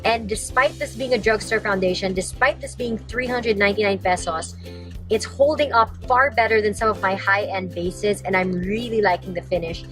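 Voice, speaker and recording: A woman's voice: mid-range voice, moderate pace, fairly bright tone, faint music behind, poor audio. A young woman from the Philippines chatting to camera for a beauty vlog, bubbly and chatty, filming with a handheld camera in her car and at home. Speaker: beauty vlogger. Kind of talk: casual vlog chat to camera.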